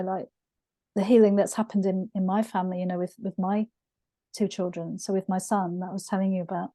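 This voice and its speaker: A middle-aged woman hosts a conversational podcast and tells personal stories with open feeling. Her voice is mellow and soft-edged, and it sounds close and dry, with no room around it. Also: mid-range voice, no room sound. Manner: heartfelt storytelling. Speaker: podcast host. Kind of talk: conversational interview.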